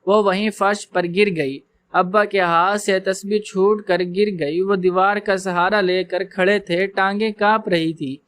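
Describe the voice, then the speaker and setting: High, smooth-voiced male story narrator. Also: steady tone, fairly bright tone, no echo.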